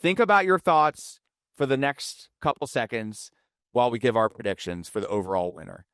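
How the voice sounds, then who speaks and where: A male podcast host with a smooth, clean voice, recorded dry and close with no room sound. His talk is playful and animated, and his pitch swings widely, the way an announcer hypes a big match. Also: normal speed, no echo. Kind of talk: casual wrestling podcast chat.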